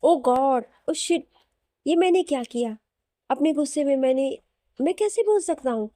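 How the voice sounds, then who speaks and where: A woman's voice: on the high side, moderate pace, warm tone, dry recording, clean studio sound, close to an everyday voice. A woman voicing an arrogant, angry young husband who talks curtly and bossily. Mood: flustered. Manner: curt, irritable, bossy.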